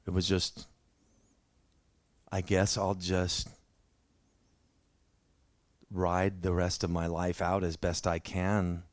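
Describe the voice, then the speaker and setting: A man's voice: deep voice, monotone, slow pace, pauses often, dry recording. A man preaching a sermon in a church, telling his own story in a conversational, self-deprecating way. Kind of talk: sermon with personal testimony.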